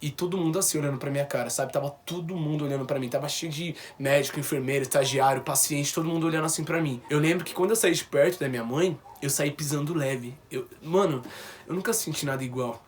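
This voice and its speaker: A young Brazilian man with a somewhat high voice, telling a personal story to his viewers. He speaks in casual slang and jumps into the voices of the people in his story. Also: fast, a little hiss or hum. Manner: animated, slangy, acts out quoted dialogue. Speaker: YouTuber.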